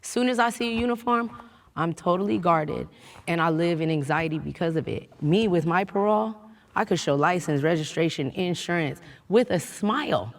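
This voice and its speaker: A woman on parole speaks earnestly and with passion, and laughs easily as she talks. Her voice sits on the low side for a woman. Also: moderate pace, slight background noise. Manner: earnest, impassioned, laughs often. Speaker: discussion guest on parole. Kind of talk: emotional personal testimony.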